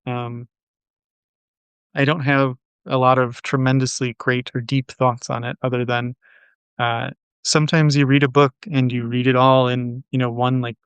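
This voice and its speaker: A man with a smooth, resonant voice at an ordinary pitch reads poetry aloud at a measured pace. Between poems he thinks aloud, hesitant and full of fillers. The recording is dry and close, with no room echo. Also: fairly bright tone. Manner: measured, unhurried poem reading. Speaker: poetry channel host. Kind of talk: poetry reading and casual discussion.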